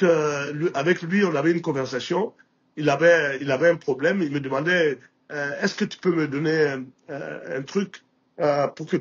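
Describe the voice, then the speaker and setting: A man's voice: on the high side, husky, muffled recording. A man from Burkina Faso with a Burkinabé French accent, telling anecdotes in a casual interview with many restarts. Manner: anecdotal, with frequent restarts and filler. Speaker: interview guest, entrepreneur.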